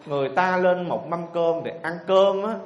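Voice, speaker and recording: A man's voice: high-pitched, moderate pace, highs cut off, lightly acted. A man reading out, in the first person, the plaintive story of a grieving elderly mother-in-law. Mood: sorrowful. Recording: echoey hall with faint ambience.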